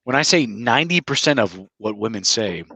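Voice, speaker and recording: A man's voice: mid-range voice, lively intonation, a little fast, gravelly, bright, forceful tone, husky, no room sound, low-quality recording. A man in a casual podcast chat, giving advice in an emphatic, lecturing way and often repeating words. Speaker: podcast co-host. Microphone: headphones with mic.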